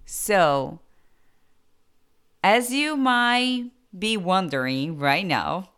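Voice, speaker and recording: A woman's voice: medium pitch, animated, a bit bright, smooth. A young adult woman with a Brazilian accent hosting a podcast, telling her life story in a hesitant way with many fillers. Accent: Brazilian Portuguese. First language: Portuguese. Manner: slow, hesitant, frequent fillers. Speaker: podcast host.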